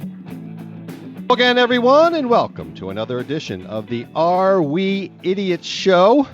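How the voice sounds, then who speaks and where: Soft music plays behind a middle-aged man co-hosting a podcast while nursing a head cold. His high voice swoops wildly in pitch as he talks unhurriedly, rambling with plenty of ums and restarts, over dry, slightly dull audio.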